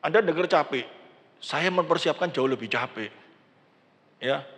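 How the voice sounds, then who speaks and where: An older pastor preaches in a big church, swinging his pitch widely as he acts out prayers. His voice is gravelly and bright. A long reverb from the hall trails behind every phrase. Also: normal speed. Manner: animated preaching, acts out quoted prayers, mixes in Javanese words. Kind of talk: sermon.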